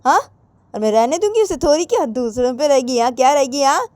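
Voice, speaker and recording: Storybook voice: a woman playing an indignant young woman, high-pitched and loud, insistent questions. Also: a little slow, no echo.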